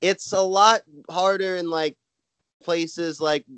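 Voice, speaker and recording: A man from Brooklyn with a Brooklyn accent chats casually as a comedian being interviewed, rambling and halting, with "like" all through his talk. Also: high voice, fairly even intonation, a bit bright, no echo. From Brooklyn, New York. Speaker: stand-up comedian, podcast guest. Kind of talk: casual chat.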